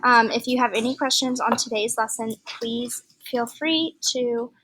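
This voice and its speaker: A woman teacher walks through a grammar lesson at an unhurried pace. Her voice sits a little high, and she explains patiently, with soft asides and small fillers. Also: steady tone, husky, rough recording. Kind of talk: recorded online grammar lesson.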